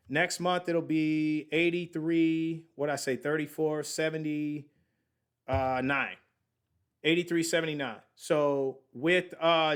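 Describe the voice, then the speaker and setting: Hosting a laid-back investing podcast, this late-thirties man has a voice pitched somewhat higher than most men's, with a fairly bright tone. He chats in slangy fashion, addressing listeners as y'all, and thinks aloud while running through the numbers.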